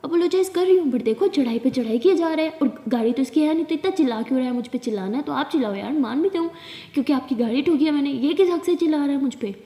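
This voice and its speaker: A woman's voice: high-pitched, expressive, dark tone. A woman doing a hot-tempered young woman. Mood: indignant. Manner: rapid, switches between English and Hindi. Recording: echoey room with long reverb.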